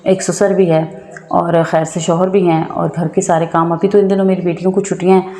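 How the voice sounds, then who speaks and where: A woman's voice: fairly low pitch, little pitch movement, warm tone. A woman vlogger telling a personal story and giving advice in a chatty way, often checking in with her listener. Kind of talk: casual storytelling and advice talk. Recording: echoey room with long reverb.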